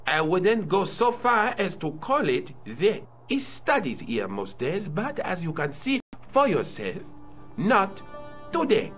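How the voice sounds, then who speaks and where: Fussy, theatrical museum custodian for an adventure game; high and very animated. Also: male voice, slow pace, soft background music, exaggerated voice. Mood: haughty. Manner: haughty, theatrical, self-important. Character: pompous fussy French male museum deputy custodian. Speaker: museum guard character. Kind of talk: video game voice acting.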